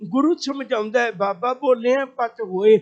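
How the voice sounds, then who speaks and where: A man's voice: very high voice, a little slow, highs cut off. A man preaching a sermon, telling a story and reciting scripture in a chanted lilt. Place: gurdwara congregation.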